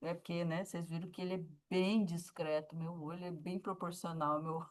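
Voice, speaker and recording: A woman's voice: fairly low pitch, flat delivery, normal speed. A woman with a Brazilian Portuguese accent teaching a sign language class, explaining patiently and checking in with her students often.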